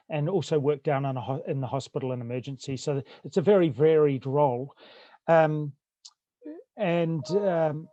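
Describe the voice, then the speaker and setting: A man's voice: on the high side, warm tone, no room sound, muffled recording. A middle-aged man, a rural family doctor from New Zealand, speaking frankly and thoughtfully in a webinar over a video call. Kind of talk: webinar talk.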